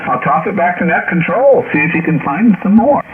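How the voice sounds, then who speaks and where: A man's voice: sits high, sing-song, fairly quick. A man chatting casually as an amateur radio operator over a two-way radio, with a hesitant manner. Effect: two-way radio transmission. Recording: crackly, noisy narrowband radio link.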